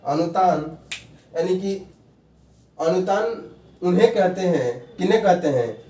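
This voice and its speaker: A man's voice: sits high, expressive, slow, dark tone. A male teacher giving a grammar lesson, repeating key terms and quizzing his students with questions. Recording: echoey room, voice a bit far from mic.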